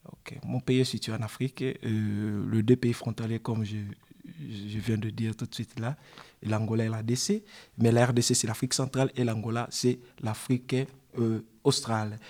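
A man from Kinshasa, asking measured, halting interview questions. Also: mid-range voice, fairly even intonation, darkish tone. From DR Congo, Kinshasa. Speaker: interviewer in a radio workshop.

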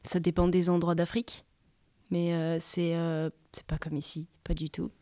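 Hesitant woman guest, flat delivery, clean smooth tone. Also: fairly low pitch, moderate pace. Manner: hesitant, many fillers. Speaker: interviewee.

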